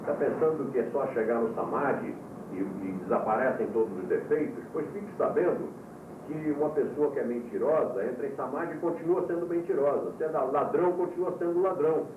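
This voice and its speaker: A man who is a yoga teacher lectures to his students, explaining calmly and jumping up in pitch when he stresses a point, heard from an old VHS tape. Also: brisk. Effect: old VHS tape recording. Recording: tinny, roomy, distant, hissy old VHS tape.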